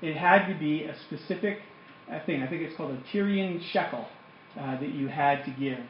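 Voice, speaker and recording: A man's voice: a little high, normal speed, a little hiss or hum. A man, giving an informal, conversational Bible lecture and explaining as he goes. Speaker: Bible teacher. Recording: echoey room, dull lo-fi sound.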